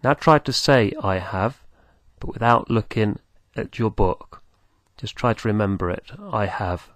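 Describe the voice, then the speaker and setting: A man teaching beginners, speaking slowly and patiently, repeating words for the listener to copy. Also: lowish voice, fairly bright tone, dry recording. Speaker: language teacher. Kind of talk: slow, patient teaching with pauses.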